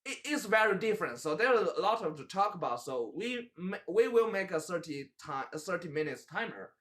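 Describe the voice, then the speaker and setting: A young man from China with a Chinese accent, hosting a casual talk show in English and often searching for words. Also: high voice. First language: Mandarin. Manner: halting, searches for English words, animated hand gestures. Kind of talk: casual chat. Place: small indoor room, seated at a table.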